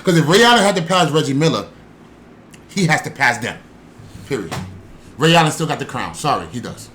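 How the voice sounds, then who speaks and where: A man's voice: a little high, lively intonation, fairly quick, fairly bright tone, slight background noise. A young man co-hosting a podcast, arguing his points in an assertive, emphatic way during a casual debate. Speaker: podcast co-host.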